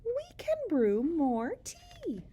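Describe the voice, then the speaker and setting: A woman voicing a tiny, anxious mouse in a children's storybook reading, with a very high, squeaky voice. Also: wildly swooping pitch, drawn-out words, warm tone, heavily acted. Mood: soothing.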